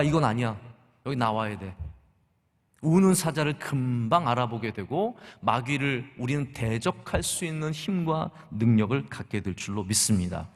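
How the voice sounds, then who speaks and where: A man's voice: fairly high pitch, fairly bright tone. A middle-aged man preaching a sermon as pastor, talking conversationally and asking the congregation rhetorical questions. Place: church sanctuary. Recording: long church hall reverb.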